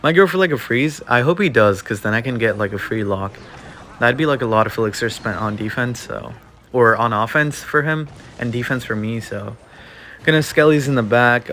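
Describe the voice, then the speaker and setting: A young man with a mid-range voice casually commentates over his own mobile game match for his gaming YouTube channel. He's relaxed and leans heavily on fillers like "like" and "um," and his voice is slightly going. There's a faint hiss or hum.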